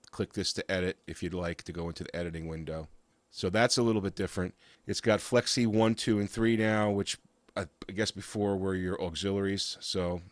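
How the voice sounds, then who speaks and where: A man with a cold and a raspy voice, walking through software in a casual, halting way with frequent uhs and restarts. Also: low-pitched, no echo. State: has a cold. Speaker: software reviewer. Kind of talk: casual screen-share walkthrough.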